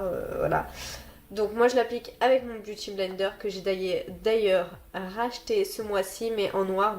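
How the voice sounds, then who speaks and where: A woman's voice: medium pitch, a little mellow. A woman with a very nasal, stuffed-up voice, sick with a blocked nose, chatting casually and apologetically to viewers as she recommends beauty products. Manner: self-deprecating, apologetic. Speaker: beauty and haul vlogger.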